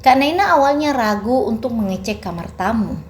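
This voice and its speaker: A woman's voice: fairly high pitch, animated, moderate pace, a little hiss or hum. A woman narrating a horror story steadily and dramatically.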